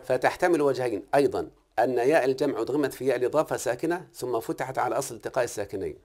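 A man's voice: medium pitch, rapid-fire, darkish tone. A man with an Egyptian accent teaching recitation and grammar one-on-one, often stopping to ask whether his student understands. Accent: Egyptian Arabic. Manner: questioning, repeatedly checks the student understands.

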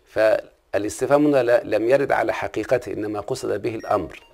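A man's voice: lowish voice, fast, gravelly, darkish tone. A man with an Egyptian accent teaching a classical Arabic grammar lesson, often stopping to ask his listener questions. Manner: asks the listener frequent check-in questions.

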